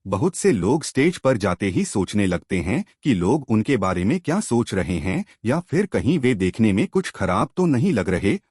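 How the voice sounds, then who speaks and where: A low, husky male voice narrates a book summary, talking straight to the listener and posing questions. His pitch moves up and down freely, and the recording is dry and close. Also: darkish tone, no room sound. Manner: explanatory, addresses listener directly with questions.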